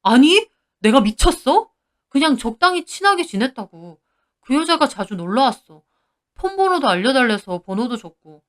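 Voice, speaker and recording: A man's voice: very high voice, very animated, normal speed, fairly bright tone, exaggerated voice. Woman voicing a whiny cheating husband, pleading. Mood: defensive. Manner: whiny, defensive excuses.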